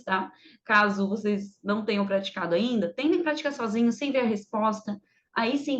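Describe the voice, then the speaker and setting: A woman English teacher with a fairly high voice explains grammar in a chatty way, stretching out each English example slowly. The recording sounds a little dull and lo-fi. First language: Portuguese.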